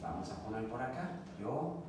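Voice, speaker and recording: A man's voice: medium pitch, animated, moderate pace. A man teaching a grammar lesson at a classroom board, patiently spelling out each verb form step by step. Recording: echoey room, distant mic, faint noise.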